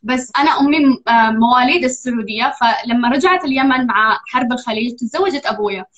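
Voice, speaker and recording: A woman's voice: a little high, fast talker, fairly bright tone. A Yemeni woman with a Saudi-tinged Arabic accent, talking casually with lots of fillers on a livestream. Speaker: livestream guest. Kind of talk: casual chat. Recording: lo-fi livestream audio.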